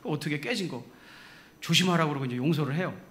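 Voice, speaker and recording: A man pastor preaching a sermon, telling a story in an animated way and laughing along. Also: fairly high pitch, quick pace. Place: church sanctuary.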